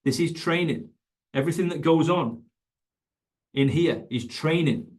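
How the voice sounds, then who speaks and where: A man with a voice on the high side speaks unhurriedly as a fitness coach educator. He teaches coaches in an online webinar, talking emphatically and conversationally and repeating his key points.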